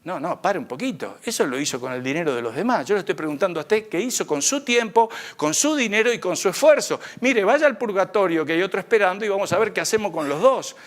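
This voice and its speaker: A man's voice: sits high, animated, fast talker, hardly any pauses. A man voicing a stern old male saint guarding heaven's gate, questioning and dismissing newcomers in a dry, clipped way. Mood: dismissive.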